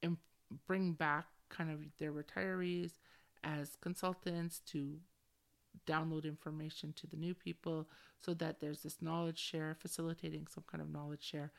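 Talking on her solo podcast, a middle-aged woman uses a low-pitched, creaky voice with flat delivery and a moderate pace. Her style is candid, chilled, and slangy, and she keeps slipping in "like" like a valley girl.

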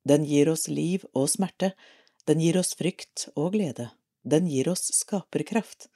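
A Norwegian woman reading a devotional article aloud for an audio edition of a parish magazine, calm and measured. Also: low-pitched.

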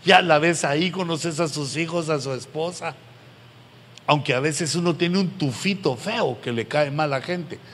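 Guy preaching, earnest, bursts loud sometimes, faint room noise and echo. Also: fairly high pitch, moderate pace. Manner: earnest, pleading, with sudden loud emphatic rises. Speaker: pastor. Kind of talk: sermon to pastors. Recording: long hall reverb, faint background noise.

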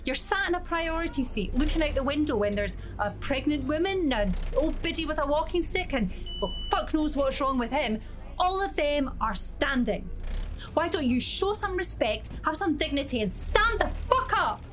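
A woman plays a worn-out, middle-aged Scottish nurse in an audio drama, sardonic and quick to swear, with a high, carrying voice. She speaks loudly and bluntly, with a faint hiss of noise under the recording. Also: lively intonation. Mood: furious scolding. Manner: loud and carrying. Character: fed-up foul-mouthed female nurse, middle-aged.

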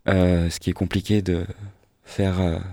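Low, mellow-voiced man chatting on radio. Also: measured pace, dry recording, studio quality. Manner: hesitant, many fillers and restarts, relaxed. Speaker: festival programmer, guest. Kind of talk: casual radio interview. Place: radio studio.

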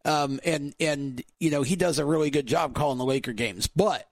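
A man hosting a casual racing talk show, an announcer who tells stories with animated enthusiasm and imitates other callers. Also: fairly high pitch, normal speed, vocal fry, dry recording. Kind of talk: casual podcast chat.

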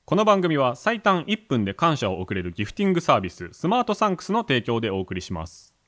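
A man co-hosting a casual chat, telling stories in a lively way as a film commentator. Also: medium pitch, fast talker, faint music behind. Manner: lively storytelling.

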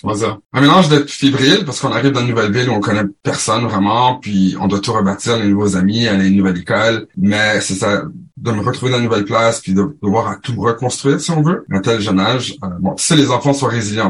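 A man's voice: lowish voice, fast talker. A man in his thirties with a Franco-Ontarian French accent, talking loosely as a musician guest in a casual radio interview in a studio and slipping English words into his talk. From Canada, Ottawa.

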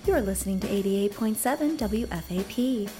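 A woman's voice: mid-range voice, moderate pace, warm tone, faint music behind, natural voice. A woman playing a local radio station announcer with formal phrasing, in a comedy sketch.

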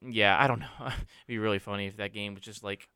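A young man hosting a casual sports talk show at a studio mic. His voice sits a little low, very smooth and clear, with a bright, crisp tone. The sound is dry and close. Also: fairly even intonation, fast talker, no room sound. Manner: laid-back, wraps up the show. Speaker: radio sports show host. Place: radio studio. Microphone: studio microphone.

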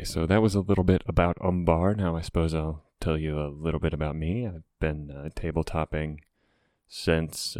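A man with a strikingly deep voice and very little rise and fall in his pitch. He talks in a halting, meandering way, casually introducing himself as a tabletop game player. The sound is dry, with no room echo. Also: darkish tone.

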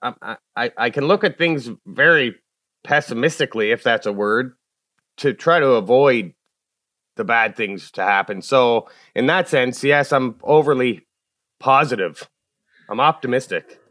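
A man who is a podcast guest, answering questions in a relaxed, casual way. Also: medium pitch, a little slow, no room sound. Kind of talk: casual chat.

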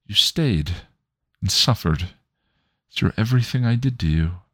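A man voicing a young woman who is tearful and earnest, speaking softly and haltingly. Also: fairly low pitch, lively intonation, husky, no room sound, studio quality, pitched above the performer's own voice, heavily acted. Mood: pleading.

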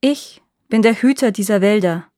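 A woman's voice: medium pitch, moderate pace, dry recording, close to an everyday voice. A woman voicing a young, pale male fairy knight who is stern yet lonely, speaking in a raised, commanding tone in a storybook reading. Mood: proud. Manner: commanding, louder and raised delivery. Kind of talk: storybook character voice. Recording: dry close recording.

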